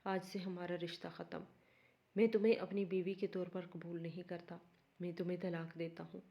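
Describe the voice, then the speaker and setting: A woman's voice: fairly low pitch, flat delivery, mellow, natural voice. A woman reading the lines of a young husband who is torn and pleading, in a strained, earnest voice.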